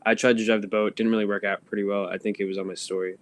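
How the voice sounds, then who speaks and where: A man's voice: lowish voice, little pitch movement, rapid-fire, slight background noise. A young man co-hosting a casual podcast, telling long rambling stories full of ums and laughs. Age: young adult. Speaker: podcast co-host. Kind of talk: casual chat. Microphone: phone.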